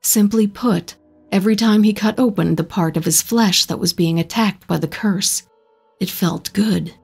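A woman narrating a horror short story in a slow, measured storytelling manner. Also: mid-range voice, gravelly, darkish tone, breathy edge, faint music behind.

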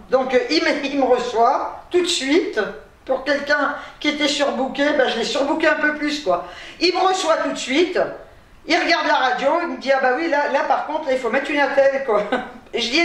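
Tired, chatty woman vlogger, high-pitched, exasperated asides, recorded in a booming room. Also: a bit bright, far from the mic. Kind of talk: casual storytelling to camera. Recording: very echoey room, off-mic.

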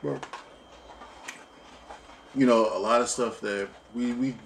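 A man co-hosting a casual couple's chat while eating, talking haltingly with frequent restarts. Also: medium pitch, fairly even intonation, vocal fry, a little hiss or hum. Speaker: co-host.

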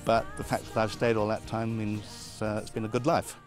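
A man's voice: lowish voice, flat delivery, moderate pace, faint music behind. A man, an astronomy professor answering interview questions in a modest, thoughtful way with small restarts. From Britain. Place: outdoors beside an observatory dome on a hill.

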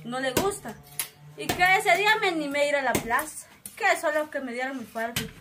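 A woman rushes through her own account in a high voice, breaking off and restarting mid-sentence. The recording carries steady background noise. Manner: rambling, breathless storytelling with broken restarts. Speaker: woman telling of being beaten. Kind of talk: emotional first-person account.

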